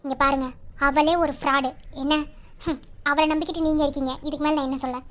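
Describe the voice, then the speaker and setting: A woman's voice: high-pitched, little pitch movement, quick pace, fairly bright tone. A woman voicing a tearful young woman who keeps pleading to see her jailed brother in a cartoon. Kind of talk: cartoon voice acting.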